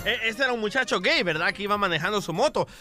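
A man who is a comedian on a radio show, telling jokes in an animated way. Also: high-pitched, quick pace, over loud music.

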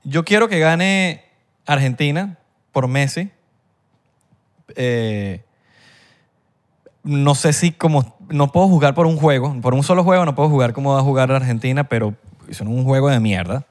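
A man's voice: mid-range voice, normal speed, long pauses. A man co-hosting a podcast, talking bluntly with heavy slang and swearing. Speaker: podcast co-host. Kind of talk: casual chat.

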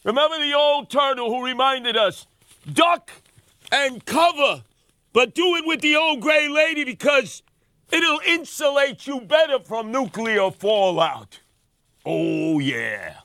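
A man's voice: very high-pitched, expressive, a little slow, bright, forceful tone, no room sound, studio quality. An older man, delivering a brash, sarcastic comic talk radio monologue as host.

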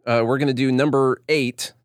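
A man's voice: medium pitch, steady tone, moderate pace, clear, resonant tone, no echo, clean studio sound. A man co-hosting a talk show, giving casual, blunt commentary and acting out quoted dialogue. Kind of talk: casual opinionated commentary on video clips.

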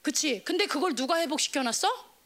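A woman preaching an animated sermon, firing quick questions at her listeners and acting out voices. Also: sits high. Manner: animated, acts out nature crying and shouting in voices; asks the audience quick questions. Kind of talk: lively sermon to young people.

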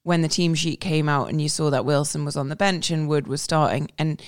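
Podcast panelist: woman, chatty, keeps cutting herself off mid-sentence, smooth clear tone, dry close sound. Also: low voice, fairly even intonation, fairly quick, dry recording. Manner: chatty, self-interrupting, laughs while talking. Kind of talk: casual football podcast chat.

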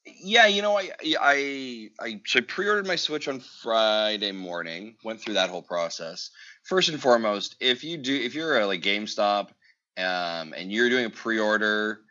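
A man's voice: on the low side, moderate pace. A Canadian man on a podcast, telling a story and acting out the lines of a conversation. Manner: animated storyteller, acts out dialogue. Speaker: podcast co-host. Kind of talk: casual podcast chat. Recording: dull lo-fi audio.

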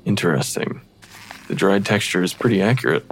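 An actor playing an exasperated pathologist who talks to ghosts, with a dry manner. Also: male voice, low voice, expressive, fairly quick. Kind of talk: audio drama acting.

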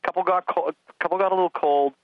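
A man's voice: high voice, fast, no room sound, narrow, tinny audio. A middle-aged man, chatting casually as a podcast guest and acting out stories about his kids. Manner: animated storyteller acting out his kids and himself. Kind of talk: casual chat.

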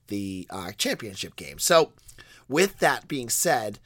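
A man with a stuffy, cold-congested voice that squeaks a little, hosting a solo sports podcast in a conversational, opinionated way. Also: very animated, slow pace, fairly bright tone, dry recording.

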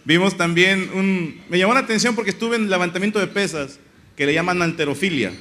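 A man's voice: fairly high pitch, sharp tone. A young man from Monterrey, doing a rambling, crude stand-up monologue full of slang. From Monterrey, Mexico. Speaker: comedian.

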